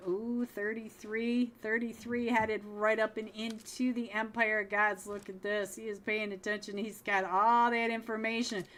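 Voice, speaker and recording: Chatty woman casting a mobile game. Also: medium pitch. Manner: chatty, upbeat, bursts of excitement at plays. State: losing her voice. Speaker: esports caster. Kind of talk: solo live game commentary.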